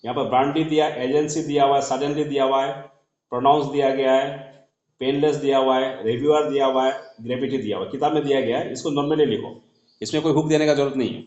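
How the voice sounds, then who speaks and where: A man explaining shorthand in a classroom, spelling out letters as he writes and often trailing off softly. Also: medium pitch, fairly even intonation, fast. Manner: talks while writing on a board, spells letters aloud, trails off softly. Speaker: shorthand teacher. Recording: echoey dull room recording.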